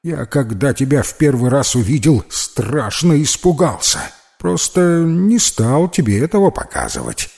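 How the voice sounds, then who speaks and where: Man doing a bossy, proud puppy in a storybook, lively, slightly raised voice. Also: medium pitch, unhurried, gravelly, voice pushed up. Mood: aggrieved. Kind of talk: audiobook character voice.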